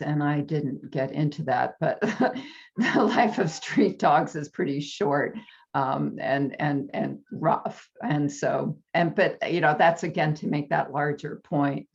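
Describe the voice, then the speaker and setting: A woman's voice: sits low, gravelly, highs cut off. A woman presenter in an academic panel discussion on a video call. She speaks thoughtfully and trails off with fillers.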